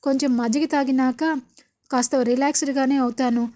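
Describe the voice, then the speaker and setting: A woman reading the lines of a tired, weak older mother in a serial retelling, speaking softly and wearily. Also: high-pitched, steady tone, moderate pace, close to an everyday voice. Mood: weary. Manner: soft, weary speech.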